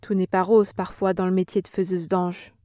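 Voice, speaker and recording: A woman's voice: on the low side, level tone, moderate pace, warm tone, no echo, studio quality, close to an everyday voice. A woman reading an audiobook, voicing a brave young woman who speaks in a cold, curt, commanding way.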